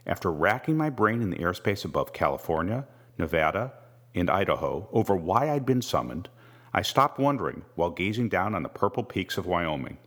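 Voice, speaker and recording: Man, audiobook narrator, very low voice, animated intonation, measured wry delivery. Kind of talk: scripted first-person narration.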